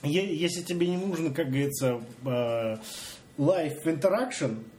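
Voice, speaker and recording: A man hosting a casual chat, talking in halting bursts and restarting words. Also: a little high, darkish tone.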